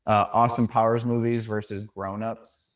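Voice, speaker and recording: A man's voice: fairly low pitch, level tone, unhurried. A young man in casual podcast chat, often asking questions and poking fun at himself. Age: young adult. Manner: questioning, self-deprecating. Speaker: podcast guest.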